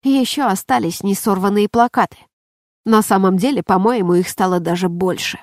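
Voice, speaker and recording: A woman voicing a flamboyant, lively young male actor in a storybook, exclaiming eagerly. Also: medium pitch, normal speed, dry recording, studio quality, close to an everyday voice. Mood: hushed.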